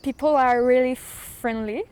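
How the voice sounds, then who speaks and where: Giggling often, a young woman from southern France on exchange gives casual answers in accented English, hunting for words as she goes. Her voice sits high, clear and resonant with a darkish tone, and runs a little slow.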